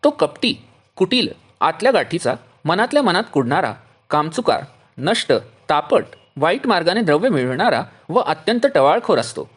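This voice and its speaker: A man with a husky, slightly raised voice reads a devotional text, listing quality after quality. His delivery is lively in pitch, with steady, measured pauses between items. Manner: lists traits one by one with measured pauses. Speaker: reader explaining a devotional text. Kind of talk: steady devotional reading of a list.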